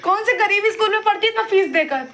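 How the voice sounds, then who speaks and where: A woman's voice: very high-pitched, fast, a bit bright. A woman prompting and teasing a storyteller with questions in a casual chat. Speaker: interviewer.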